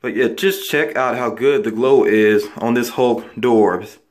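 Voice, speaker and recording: A man's voice: medium pitch, unhurried. A man vlogging about collectibles in casual chat, recorded in an echoing bathroom. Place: small tiled bathroom indoors. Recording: echoey bathroom.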